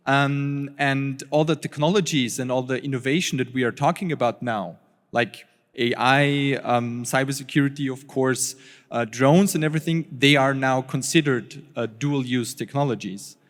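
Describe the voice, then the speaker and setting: A man talks through his points on a conference panel, pausing often and restarting his sentences. His voice sits at an ordinary middle pitch. The sound carries the long reverb of a large hall. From Austria. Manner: halting, many fillers and restarts. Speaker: panelist, researcher.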